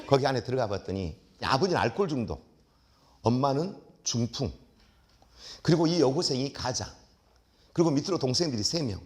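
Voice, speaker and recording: A man's voice: mid-range voice, brisk, long pauses, breathy edge. A middle-aged man giving a lecture, telling a story dramatically and acting out the dialogue. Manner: animated, acts out dialogue with shouts.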